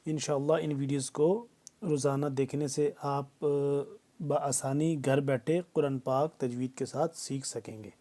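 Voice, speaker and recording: A man teaching Quran recitation with tajweed, explaining each pronunciation rule in quick, instructive steps. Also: medium pitch, steady tone, dark tone. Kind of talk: step-by-step tajweed lesson.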